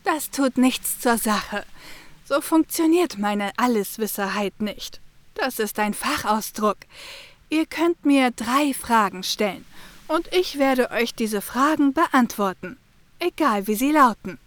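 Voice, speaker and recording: A self-satisfied old fortune-teller , voiced by a woman, who talks slowly and deliberately in a slightly high voice. She sounds pleased with herself and lets every word land. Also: animated, no echo. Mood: smug. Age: older. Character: smug elderly woman fortune-teller, know-it-all. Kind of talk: amateur radio play acting.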